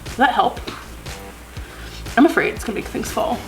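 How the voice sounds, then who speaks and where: This beauty vlogger films herself in a basement at home using a camera on a desk with a ring light, rambling, self-deprecating, and saying "like" often. She sounds a little sniffly over faint background music. Her voice is expressive and on the high side at normal speed, though the audio is poor.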